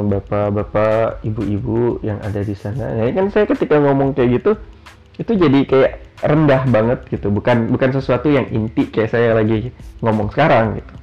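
A man's voice: medium pitch, a little mellow, dull audio. A man giving a casual classroom-style lesson, chatty, with many fillers and self-corrections. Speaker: teacher.

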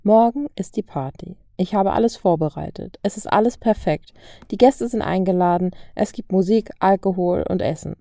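A woman's voice: medium pitch, normal speed, creaky, warm tone, no echo, close to an everyday voice. A woman reading a story aloud, voicing a cool, superior female secret agent with a smug, teasing manner. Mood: teasing, insistent. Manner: smug, teasing, self-assured. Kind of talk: audiobook reading of fan fiction.

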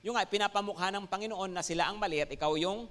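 A Filipino man preaching from the pulpit in a fairly high voice. He swings between Tagalog and English, pushing key words up and out with bursts of emphasis. He keeps checking in with his listeners as he goes. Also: quick pace, a bit bright. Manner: mixes Tagalog and English, frequent "no?" and "Amen?" check-ins. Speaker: pastor. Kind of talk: sermon.

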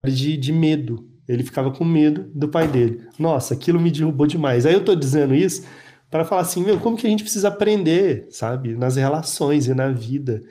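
A man, telling an emotional personal story as a panel guest, reflective and halting. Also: fairly high pitch, mellow. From Brazil.

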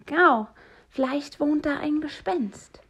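A woman's voice: high voice, animated, slow pace, fairly bright tone, pitched above the performer's own voice, full character voice. A woman voicing a cheerful, brave male skunk, bold and coaxing in a storybook. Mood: eager.

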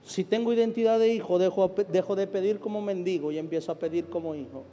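A male pastor preaching a sermon, often building to shouted emphasis. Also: high voice, quick pace. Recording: long hall reverb with faint music.

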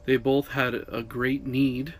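A man hosting a casual religious podcast from inside a camper van, talking in a halting, conversational way that trails off. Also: medium pitch, little pitch movement, a little hiss or hum. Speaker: podcast host.

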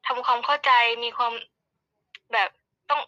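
Bright-voiced woman guest, hesitant and frank. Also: moderate pace. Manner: hesitant, many fillers, speaks frankly. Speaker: podcast guest. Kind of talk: casual podcast chat. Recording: dull lo-fi dry sound.

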